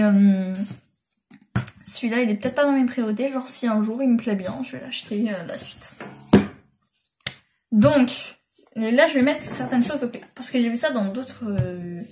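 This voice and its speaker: Young woman, casual vlog chat, slightly high voice, rambling, fillers and restarts, built-in mic. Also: a little mellow, a little hiss or hum. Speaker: manga vlogger. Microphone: built-in device mic.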